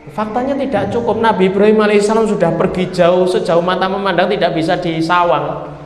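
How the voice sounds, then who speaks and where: A man with a Javanese accent preaching a sermon in a joking, chatty way, often turning to the audience. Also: high-pitched. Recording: echoey hall with faint noise.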